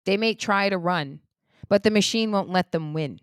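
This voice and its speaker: A woman giving a heated political opinion monologue, indignant, swinging between loud outbursts and low muttering. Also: moderate pace, clear, resonant tone, no echo, clean studio sound. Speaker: political commentator.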